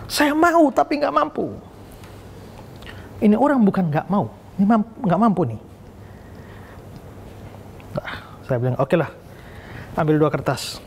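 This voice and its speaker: Male pastor, slightly high voice, lively storytelling sermon, faint noise behind. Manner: animated storyteller, acts out dialogue voices.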